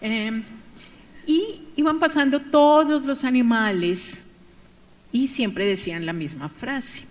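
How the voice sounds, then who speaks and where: A woman telling a folk tale aloud at a seminar in a lively way, with asides to her listeners. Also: fairly high pitch, takes it slowly. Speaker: storyteller. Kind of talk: oral storytelling at a seminar. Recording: echoey hall, voice from far off.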